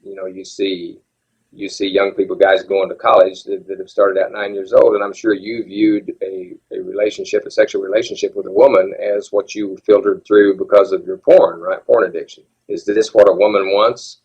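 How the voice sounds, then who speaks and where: A man's voice: low-pitched, level tone, moderate pace, a little mellow, slightly rough. A man in his seventies, talking openly and reflectively as an interview guest, often restarting his sentences. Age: 70s. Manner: earnest, reflective, frequent restarts. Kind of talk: candid interview talk. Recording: dull lo-fi audio.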